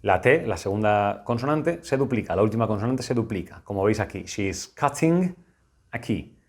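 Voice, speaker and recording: A man's voice: lowish voice, expressive, moderate pace. Patient Spanish man teaching English grammar. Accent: Spain Spanish. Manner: patient, explanatory, repeats key points. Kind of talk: recorded video lesson.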